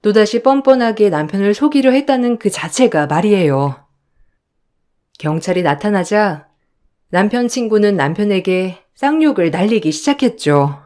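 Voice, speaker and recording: A woman narrating a first-person story in a steady, indignant storytelling manner. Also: mid-range voice, moderate pace.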